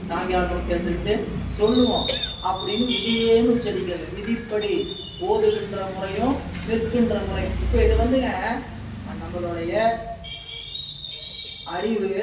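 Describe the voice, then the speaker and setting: High-voiced male spiritual teacher, patient and repetitive; distant mic in a very echoey room, faint hiss. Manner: slow, repetitive explaining with everyday examples. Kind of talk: devotional scripture commentary.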